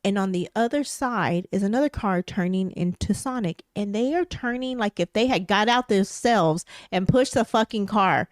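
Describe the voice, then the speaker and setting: A woman co-hosting a podcast, telling a story in casual chat, animated and swearing as she vents her exasperation. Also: mid-range voice, normal speed, few pauses, dry recording, clean studio sound. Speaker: podcast co-host.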